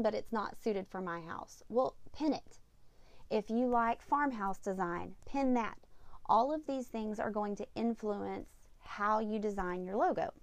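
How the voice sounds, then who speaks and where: A woman's voice: mid-range voice, no room sound. A woman hosting a casual solo advice podcast, giving upbeat, tidy step-by-step tips like a vlogger. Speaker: podcast host.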